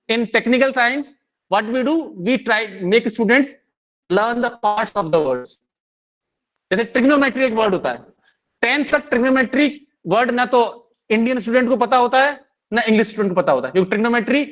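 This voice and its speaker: A man's voice: extremely high pitch, expressive, normal speed, a bit bright. A man with an Indian accent giving a live-streamed lesson, explaining word roots in mixed Hindi and English and often checking in with his listeners. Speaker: English teacher. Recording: dull lo-fi stream audio.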